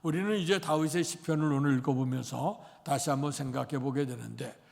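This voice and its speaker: A man's voice: mid-range voice, fairly quick, creaky, darkish tone. A man in his sixties preaching a Sunday sermon as pastor, rambling through an anecdote with many fillers. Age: 60s. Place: church sanctuary. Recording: long church hall reverb.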